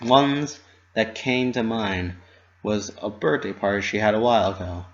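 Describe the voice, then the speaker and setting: A story is read aloud in a dramatic storybook manner by a narrator with a medium-pitched voice, pacing things a little slowly. The home recording comes across as somewhat dull and lo-fi.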